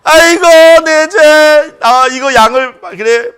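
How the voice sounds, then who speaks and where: A man's voice: very high voice, takes it slowly, sharp tone, voice pushed up, exaggerated voice. A man playing a sinner who wails and cries out in anguish over his own sins. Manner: wailing, crying out.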